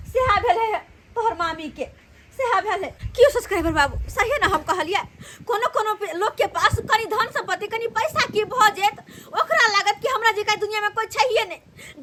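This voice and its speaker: An outspoken village wife with a Maithili accent, played by a woman, blunt and preachy. She laughs as she talks. Her voice is very high and bright, with a faint hiss behind it. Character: outspoken village sister-in-law defending her family. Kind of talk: comedy skit acting.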